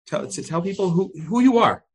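A man hosting an interview show, speaking with halting starts, frequent ums and repeated words. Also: high-pitched, big pitch swings, breathy edge. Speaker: host. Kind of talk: hosted interview.

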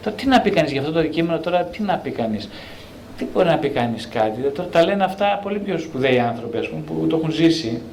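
A male psychotherapist talking freely about self-knowledge, animated and colloquial, often asking and answering his own rhetorical questions. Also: a little high, a little hiss or hum.

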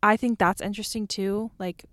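A woman in her twenties hosts a casual podcast chat with her best friend. Her voice is smooth and clear, and she often slips into playful voices to quote people. The recording is dry and close. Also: medium pitch, steady tone, normal speed, no echo. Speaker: podcast host.

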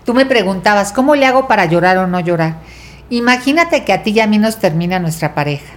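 A middle-aged woman with a Mexican accent explaining ideas in a podcast chat, animated and teacherly. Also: medium pitch, fairly quick. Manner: animated, teacherly, acts out quotes. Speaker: guest teacher. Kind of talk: casual podcast talk.

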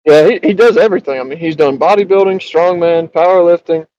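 A man's voice: a little high, fast talker, warm tone, no room sound, highs cut off. A young man co-hosting a podcast, chatting in an easygoing, matter-of-fact way. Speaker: podcast co-host. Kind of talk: casual chat.

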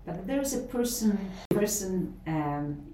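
Animated and slow-paced, a middle-aged woman from Poland speaks at medium pitch, answering interview questions thoughtfully with many fillers and restarts. She's a professor with a Polish accent. The background is noisy, and the recording is roomy and a bit distant from the mic, with faint ambience.

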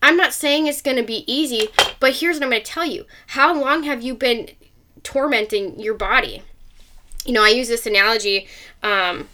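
A woman's voice: a little high, moderate pace, bright, forceful tone. A woman hosting a podcast, delivering a blunt motivational monologue full of rhetorical questions. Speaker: podcast host.

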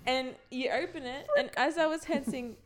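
A woman's voice: high-pitched, normal speed. A woman on a podcast, eagerly retelling a horror film scene with vivid, swearing emphasis. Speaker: podcast co-host. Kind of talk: casual film discussion.

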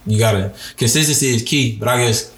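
A twenty-year-old musician and designer appears as a podcast guest, talking loosely and rambling while leaning heavily on "like." His medium-pitched voice is fairly quick and fairly bright, and the casual interview has a roomy echo.

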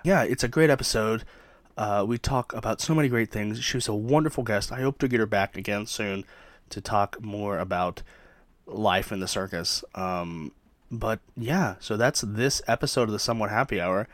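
A young man talks through his podcast intro in a loose, joking ramble full of ums and uhs. His voice sits fairly low. The sound is close and dry, with no room around it. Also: moderate pace, no room sound. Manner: rambling, jokey, lots of fillers. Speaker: podcast host. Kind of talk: casual chatty podcast intro. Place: his trailer behind an amusement park.

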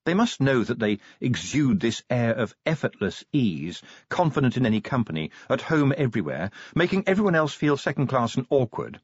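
A man voicing a young woman sergeant who is a werewolf, talking bluntly and briskly in an audiobook reading. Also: mid-range voice, big pitch swings, husky, dry recording, pitched above the performer's own voice. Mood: brusque. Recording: dry, slightly dull audiobook recording.

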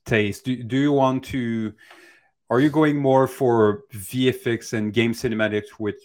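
A man acting as a mentor in a Q&A gives unscripted advice, hesitating and halting as he thinks aloud. His voice is mid-range with a steady tone.

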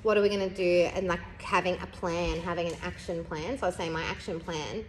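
A woman's voice: fairly low pitch, fairly even intonation, fairly quick, a little hiss or hum. A young woman, chatting candidly as a podcast host, rambling with lots of fillers and laughing through heavy subjects. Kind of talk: casual candid chat.

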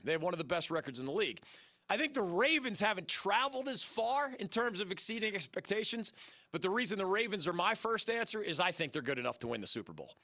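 A middle-aged man hosting a sports talk radio show, emphatic and energetic, with a voice worn from losing it. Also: a little high, no room sound. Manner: energetic, emphatic, quick asides. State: losing his voice.

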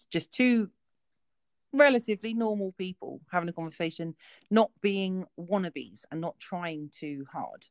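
A woman's voice: lowish voice, no room sound. A woman in her late thirties with a southern English accent, co-hosting a casual podcast chat and telling rambling anecdotes full of ums. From south of England. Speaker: podcast co-host.

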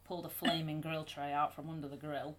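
A woman's voice: low voice, flat delivery, a little fast. A woman co-hosting a casual podcast chat, telling stories and acting out quotes in an amateur home recording. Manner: chatty, storytelling, acts out quotes. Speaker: podcast co-host. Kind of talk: casual chat about anxiety.

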